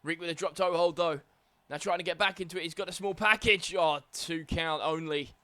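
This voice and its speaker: Here a man narrates a wrestling video game live, shouting out every move with plenty of exclamations. His pitch leans high, and he talks a bit fast.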